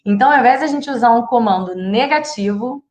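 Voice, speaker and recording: A woman's voice: fairly high pitch, fairly quick, reverberant. A Brazilian woman in her thirties, a psychologist giving parenting advice on a live stream in a chatty, direct way. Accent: Brazilian Portuguese. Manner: chatty and direct, acts out sample phrases to children.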